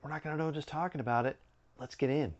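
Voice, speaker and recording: A middle-aged man giving a casual product review to camera, conversational, with musing pauses and asides. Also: on the high side, fairly even intonation, highs cut off, slight background noise. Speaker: snack review video host. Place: indoor room with bookshelves.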